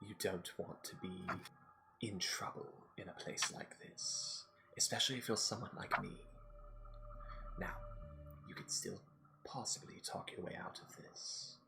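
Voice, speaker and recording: A man voicing a scheming male rogue who talks in a hushed, breathy whisper with fussy, old-fashioned phrasing. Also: deep voice, normal speed, hardly any pauses, loud music behind the voice, natural voice.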